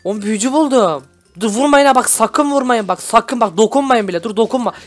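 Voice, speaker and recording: A young man giving excitable, shouty gameplay commentary as a video host. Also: extremely high pitch, fairly quick. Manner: excitable, shouty, constantly reacting. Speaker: gaming YouTuber host. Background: background music.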